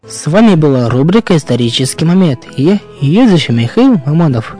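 A man's voice: fairly high pitch, big pitch swings, brisk, over music. A man presenting a history segment, reading scripted narration as a radio host.

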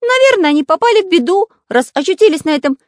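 A reader doing a very high, earnest artist. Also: very animated, fast, no echo, studio quality. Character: kind, earnest male artist who draws with his nose. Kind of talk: storybook reading.

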